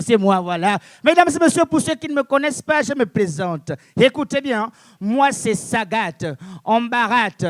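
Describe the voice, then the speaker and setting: A man doing a stand-up comedy set on a club stage, loud and punchy, calling out to the audience. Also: very high voice. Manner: loud, punchy, shouted audience call-outs.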